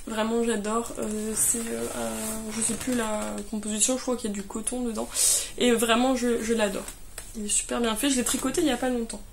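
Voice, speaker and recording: A young woman chatting casually about her knitting, halting often with fillers and restarts, a little tired. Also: fairly high pitch, flat delivery, gravelly, slight background noise. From France. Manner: hesitant, many fillers and restarts. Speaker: knitting vlogger. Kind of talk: casual chat.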